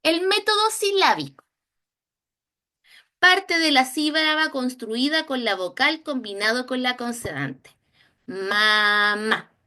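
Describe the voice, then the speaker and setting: A Chilean woman teaching a recorded training lesson on early reading, slowly sounding out letters and syllables. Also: high voice, sharp tone. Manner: slow, drawn-out modeling of sounds and syllables. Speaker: instructor.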